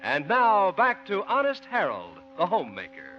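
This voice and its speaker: A man's voice: sits high, wildly swooping pitch, moderate pace. Polished 1950s male radio announcer. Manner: smooth, polished announcer delivery. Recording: muffled 1950 radio broadcast with music.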